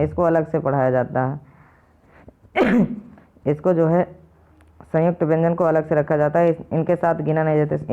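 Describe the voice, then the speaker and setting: A man teaching a lesson, patiently repeating and slowly spelling out each sound. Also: on the high side, clear, resonant tone. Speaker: Sanskrit teacher. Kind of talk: explanatory lesson to viewers. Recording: dull lo-fi recording.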